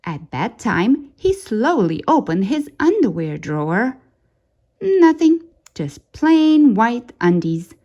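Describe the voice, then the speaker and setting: In a slow, highly animated storytime reading of a children's picture book, a woman builds drama and suspense by stretching out key words. The audio sounds dull.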